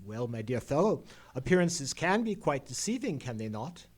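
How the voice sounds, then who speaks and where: An actor playing a knowing gentleman detective in an old-time radio play, speaking in formal, measured phrases with dramatic pauses. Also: medium pitch, sing-song. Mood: knowing, deliberate. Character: Sherlock Holmes, theatrical, deliberate, knowing gentleman detective.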